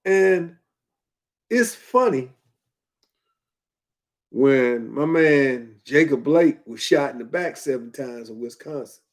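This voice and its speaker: A man's voice: mid-range voice, animated, slow pace, long pauses. A man giving casual spoken commentary, emphatic and colloquial, repeating points for effect. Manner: colloquial, drops verbs and uses double negatives.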